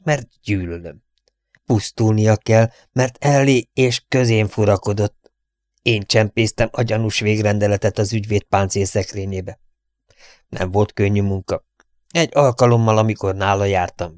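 A sneering young villain, as a male audiobook reader puts him on, mocking his captives and laughing between threats. The voice sits fairly low with a dry, close sound. He gloats over every word. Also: steady tone, a little mellow, no echo, natural voice. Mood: gloating, menacing. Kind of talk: audiobook character reading.

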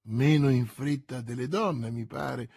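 A man's voice: medium pitch, a little slow, vocal fry, a little mellow, breathy edge. A man voicing a vain, boastful musketeer who declaims grandly and pities himself. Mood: indignant boasting. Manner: pompous, theatrical declaiming.

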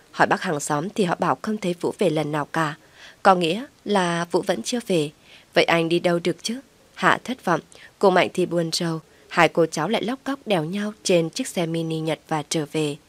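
A woman narrating a story in a calm, steady storytelling manner. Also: fairly low pitch, moderate pace, dry recording.

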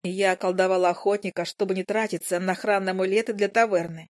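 A woman narrating a first-person audiobook in a lively, expressive way. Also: medium pitch, fast. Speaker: audiobook reader.

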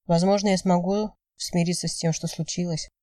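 A heartbroken young man speaks quietly and wearily, pulled inward, voiced by a female narrator. His tone is dark and mellow. The mic is dry and slightly distant. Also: lowish voice, little pitch movement, moderate pace, dry recording, natural voice. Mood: weary. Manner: quiet, weary, subdued.

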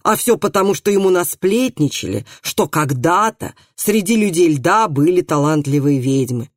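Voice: mid-range voice, lively intonation, normal speed, no room sound, close to an everyday voice. Brief: reader doing exasperated scoffing man, dry studio. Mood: scornful.

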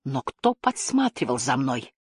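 A woman's voice: a bass voice, sing-song, unhurried, a little mellow, breathy edge, no room sound, clean studio sound, heavily acted. A woman reading the part of a cold, scheming old male guardian who drawls and hisses his words. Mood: sneering. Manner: hissing, drawling, menacing.

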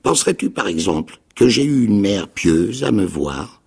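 An actor playing a ragged, half-mad old marooned pirate with a raspy, creaking voice, pleading and eager in a dramatic radio reading of a novel. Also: male voice, normal speed, full character voice. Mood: eager rambling. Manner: high, pleading, eager voice with excited leaps.

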